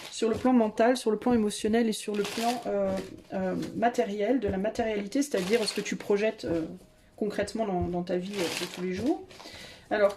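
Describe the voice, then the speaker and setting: A woman gives her viewers a casual tarot reading, chatty yet hesitant, full of fillers and restarts. Her voice is a little high with a dark tone.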